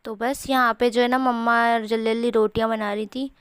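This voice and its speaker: Young woman vlogger with a sore throat, smooth, steady voice. Chatty, rambling voice-over, dry close mic. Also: a little high, fairly quick, dry recording. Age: young adult. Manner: chatty, rambling, many fillers. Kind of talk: home cooking vlog voice-over.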